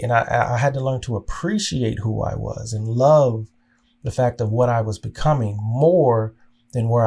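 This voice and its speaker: A man's voice: medium pitch, vocal fry, a little mellow, slightly rough. Earnest man telling his life story. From Oklahoma. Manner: halting, with frequent restarts and repeated words; earnest and emotional. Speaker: podcast host. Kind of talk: reflective personal storytelling.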